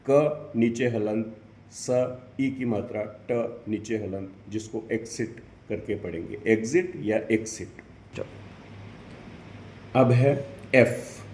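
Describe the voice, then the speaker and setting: Male pronunciation teacher, unhurried and mellow, spells sounds out step by step, roomy echo. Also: medium pitch. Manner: spells out sounds letter by letter, repetitive. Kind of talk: slow explanatory lesson. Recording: echoey room.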